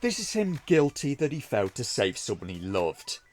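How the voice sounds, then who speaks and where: A man narrates a scripted review as a mocking critic. His pitch swings in a very animated way from phrase to phrase, with faint music underneath. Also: normal speed. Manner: mocking, sarcastic. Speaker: video reviewer.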